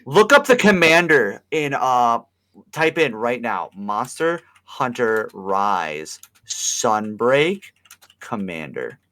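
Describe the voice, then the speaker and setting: A man's voice: medium pitch, very animated, slow pace, pushed and bright, slight background noise. A man chatting and joking animatedly as a podcast host, laughing often. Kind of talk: casual chat.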